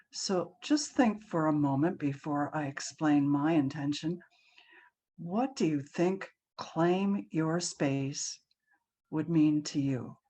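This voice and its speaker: A woman leading a guided relaxation class, speaking softly and soothingly with frequent ums. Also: low voice, husky. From Hawaii. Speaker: meditation guide.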